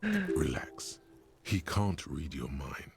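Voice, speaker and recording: A man narrating as the calm, wry inner voice in a video game. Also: gravelly, slightly rough, exaggerated voice. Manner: measured, deep, wry.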